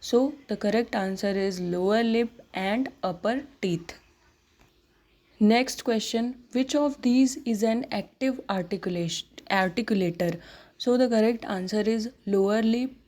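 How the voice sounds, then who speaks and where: A woman's voice: medium pitch, darkish tone. A woman teaching an exam-prep phonetics lesson, reading out questions and answers. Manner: slow deliberate English questions, quicker Hindi explanation. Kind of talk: exam-prep lecture mixing Hindi and English.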